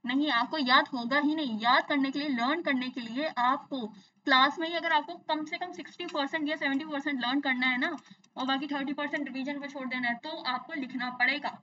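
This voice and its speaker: A woman's voice: high voice, steady tone, brisk, sharp tone, far from the mic, highs cut off. A young adult woman teaching a science lesson, asking and answering her own questions and repeating key terms. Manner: explains in Hindi mixed with English, repeats terms, asks and answers own questions. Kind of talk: exam-focused science lesson.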